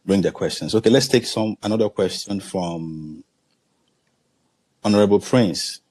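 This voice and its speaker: A man moderating an online meeting, calling on speakers briskly. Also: low-pitched, a little mellow, slightly rough, no room sound. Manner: brisk, directive.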